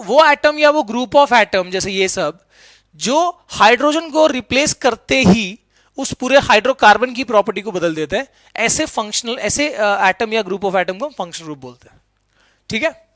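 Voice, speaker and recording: A middle-aged man teaching chemistry in a lively lecture, often checking in with "right?" and mixing English terms into his talk. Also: sits high, dry recording, studio quality. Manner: lively, keeps asking students "right?"; mixes English terms into Hindi. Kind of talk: explanatory classroom lecture.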